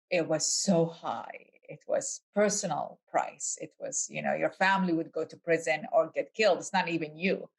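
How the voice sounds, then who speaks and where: Low-voiced reflective woman from Iraq. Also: husky. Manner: reflective, personal, speaks with feeling. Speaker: host.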